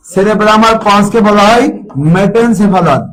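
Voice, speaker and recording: A man with a high, slightly bright voice tutors biology for exam preparation at a moderate pace, repeating each term and quizzing his students on it. The audio is poor.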